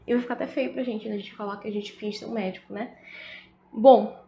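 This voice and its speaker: A woman's voice: fairly high pitch, fairly even intonation, vocal fry, dark tone. A woman with a Brazilian Portuguese accent, explaining a language lesson in a casual way and often checking in with her listeners. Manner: explains slowly, often adds "né?" and "tá?". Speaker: English teacher. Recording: echoey room, slightly dull audio.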